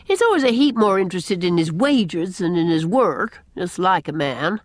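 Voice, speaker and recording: A woman reading a storybook voices a middle-aged village spinster who is brisk, gossipy, and full of opinions, at a fairly low pitch. Her tart, emphatic, folksy delivery rises and falls very lively, and the recording is dry with no room sound.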